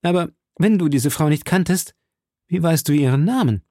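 A man's voice: fairly high pitch, animated, moderate pace, warm tone, no echo, clean studio sound, voice pushed up, natural voice. A man voicing d'Artagnan, a bold, fiery young musketeer who speaks in a commanding, threatening way.

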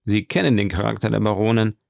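A man's voice: fairly low pitch, fairly even intonation, fast, gravelly, darkish tone, no echo, clean studio sound. A man voicing a matter-of-fact minister's secretary in an audiobook, explaining figures plainly. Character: evasive male minister's secretary.

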